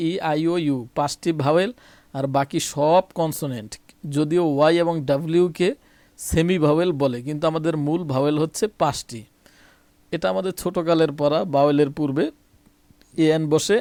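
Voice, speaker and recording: In a dry recording free of room sound, a man with a somewhat high, darkish voice and a Bangladeshi Bengali accent explains an English grammar lesson. He goes over points repeatedly, fixes his own slips, and speaks straight to his viewers.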